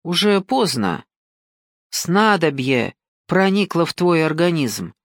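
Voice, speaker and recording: In a dry, close-miked audiobook recording with no echo, a woman narrator plays a sly, domineering older man full of slow, coaxing menace. Her fairly low voice is very animated and heavily acted, his patronizing speech drawn-out and peppered with "son."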